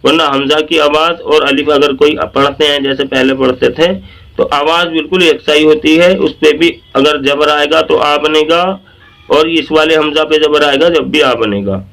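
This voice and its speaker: Male Quran teacher, Pakistani Urdu accent, bright and crisp. Explains fast, recites slowly and drawn out. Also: a little high, fairly even intonation. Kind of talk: recitation lesson.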